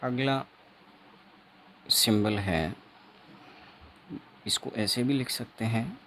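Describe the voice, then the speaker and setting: A man teaching an exam-prep phonetics lesson, explaining slowly and repeating himself, writing on a board as he talks, with Indian English words. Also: mid-range voice, fairly bright tone, a little hiss or hum. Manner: slow, repetitive teaching with frequent checks; writes on a board while talking.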